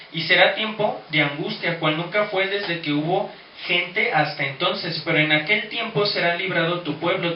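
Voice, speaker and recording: A man with a high voice teaching a Bible study and reasoning through points with rhetorical questions. He sounds far from the mic in an echoey room, and the recording is dull. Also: a little hiss or hum. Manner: explanatory, asks rhetorical questions.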